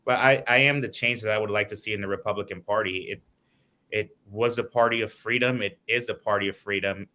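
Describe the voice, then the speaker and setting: Man, from Guyana, political candidate, earnest, long-winded answers, lowish pitch. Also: steady tone, a little fast, sharp tone. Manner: earnest, explains at length. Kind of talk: interview answers. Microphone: video call.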